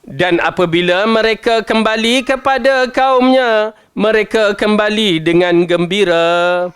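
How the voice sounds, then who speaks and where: A man with a Malaysian Malay accent gives a Quran commentary lesson in a high voice. He is chatty and animated, dropping from loud stressed words to quiet asides and putting questions to his listeners. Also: measured pace, smooth. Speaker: religious teacher.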